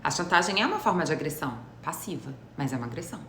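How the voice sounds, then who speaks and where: A woman's voice: low voice, very animated, racing, vocal fry, a bit bright. A woman psychologist with a Brazilian Portuguese accent gives a live explanatory talk, teacherly and often checking that her listeners follow. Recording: roomy echo with faint noise.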